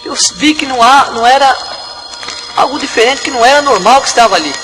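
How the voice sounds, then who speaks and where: Pastor with high voice. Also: male voice, quick pace, low-quality recording. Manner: repetitive, dramatic retelling. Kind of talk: religious testimony. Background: music.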